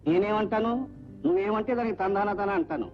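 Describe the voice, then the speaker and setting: A man's voice: high voice, steady tone, fast, natural voice. A middle-aged actor playing a henpecked father with a dry, wry way of talking, in an old film. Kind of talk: Telugu film dialogue. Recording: dull old film soundtrack with music.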